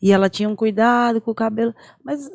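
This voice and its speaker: Brazilian woman host, slightly high voice, emotional and reactive. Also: fast talker. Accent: Brazilian Portuguese. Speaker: podcast host. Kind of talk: casual chat.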